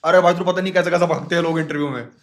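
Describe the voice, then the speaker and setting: A man's voice: on the high side, steady tone, racing. A man hosting a live stream, chatting casually, joking and laughing as he tells stories. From India. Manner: jokey, laughing storyteller. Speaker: streamer host. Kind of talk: casual chat.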